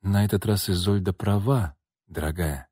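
A weary, stern mother, read by a man, speaking quietly and holding herself back. The tone stays low and controlled, in a dry, close recording. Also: unhurried, breathy edge, no echo. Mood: restrained. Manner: quiet and restrained. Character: tired, stern middle-aged mother. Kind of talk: audiobook character voice.

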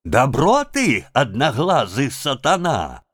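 A man voicing a furious older village woman with drawn-out, shrill scolding in a storybook reading. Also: wildly swooping pitch, fairly bright tone, husky, no echo, studio quality, exaggerated voice.

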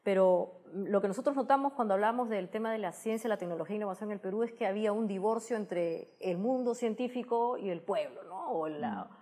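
Speaking briskly with hardly any pauses, a woman with a Peruvian Spanish accent gives conversational, explanatory answers as an interview guest and science communicator. Her medium-pitched voice sounds mellow, and she frequently ends phrases with a tag question.

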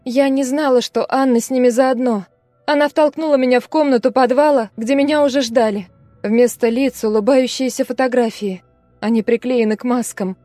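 A woman's voice: high voice, fairly even intonation, normal speed, warm tone, no echo, faint music behind, natural voice. A woman voicing a frightened young female student who recalls a terrifying night in a fragile, breathless way. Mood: shaken recounting.

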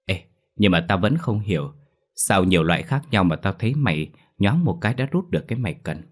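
A man voicing a brash, talkative young man who complains loudly and fast, in a spoken ghost story. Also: low-pitched, sing-song. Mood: arguing.

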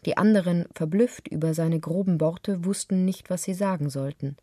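A woman narrating a literary story for radio in a calm, measured way. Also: fairly low pitch, no room sound, studio quality.

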